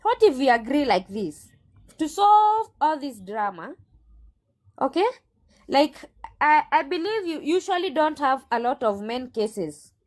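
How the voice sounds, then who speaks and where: Assertive high-voiced Kenyan woman. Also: very animated, unhurried, darkish tone. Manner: assertive, argues her case. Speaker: recruitment agency owner. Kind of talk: interview guest.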